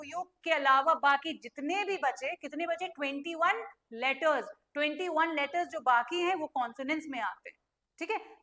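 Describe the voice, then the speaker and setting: In an online grammar lesson, a young female teacher with a bright, high-pitched voice rapidly quizzes her class and answers her own questions. When spelling, she draws out each letter individually.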